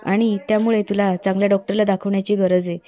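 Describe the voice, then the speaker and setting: A woman voicing a calm, caring young husband from a TV serial, read in her own plain, even voice. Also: medium pitch, fast talker, close to an everyday voice. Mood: soothing.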